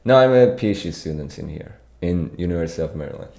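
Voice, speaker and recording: A young man from Iran streams competitive programming, reading live chat aloud and answering it in a relaxed, casual manner. He talks quickly in a low-pitched voice from a small dim room bathed in pink light, with a studio mic on an arm.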